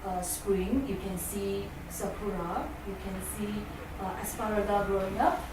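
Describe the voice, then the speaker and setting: With a mid-range voice, a steady tone, and a measured pace, a Singaporean woman whose first language is Chinese speaks to an audience in English as a guest speaker. Hesitant fillers pepper her talk, and the noisy recording comes from far off in an echoey hall.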